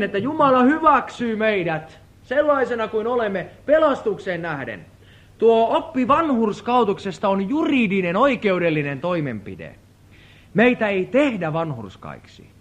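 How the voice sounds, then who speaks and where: A man preaching a sermon in a prayer house, swinging between soft, low stretches and louder emphatic ones, and acting out the voices in his stories. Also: sing-song. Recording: dull lo-fi recording.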